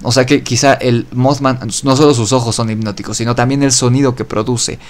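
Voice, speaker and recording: A man's voice: mid-range voice, fairly even intonation, a little fast. A man hosting his own podcast, telling an eerie story in a loose, conversational way and often correcting himself mid-sentence. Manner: loose spoken retelling with fillers and self-corrections. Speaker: podcast host. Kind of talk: casual storytelling narration.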